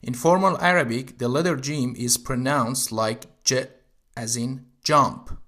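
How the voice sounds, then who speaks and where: A man's voice: mid-range voice, measured pace, pushed and bright. A man teaching Arabic letters, explaining how to write each one step by step. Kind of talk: instructional narration.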